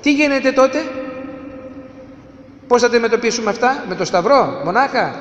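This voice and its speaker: A man preaching a sermon, emphatic, asking rhetorical questions and swinging between loud and hushed delivery. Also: very high voice, lively intonation, highs cut off. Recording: echoey hall with long reverb.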